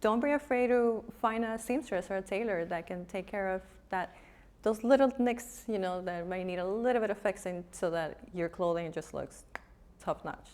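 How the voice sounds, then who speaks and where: A woman's voice: medium pitch, normal speed, darkish tone. A woman speaking as a stylist, giving conversational, informal advice and explaining as she goes.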